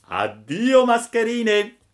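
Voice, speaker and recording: A man voicing an eager young wooden puppet boy in a storybook reading, earnest and excited. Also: very high-pitched, drawn-out words, pitched above the performer's own voice, heavily acted. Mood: scornful.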